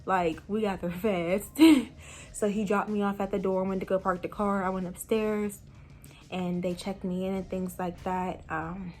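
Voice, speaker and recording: A woman's voice: medium pitch, a little slow, soft background music. Chatty young woman telling a story. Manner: chatty, animated retelling with many fillers and laughs. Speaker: vlogger telling a personal story. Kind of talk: casual storytime.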